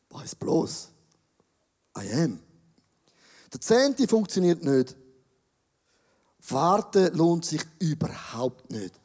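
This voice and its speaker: A man's voice: high-pitched, dark tone. A middle-aged man with a Swiss German accent, preaching a sermon and speaking directly and emphatically to the congregation. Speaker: pastor.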